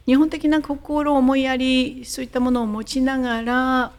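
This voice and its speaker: An older woman from Japan, a guest in a radio interview, talking briskly and modestly with laughter. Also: sits high, little pitch movement, a little hiss or hum.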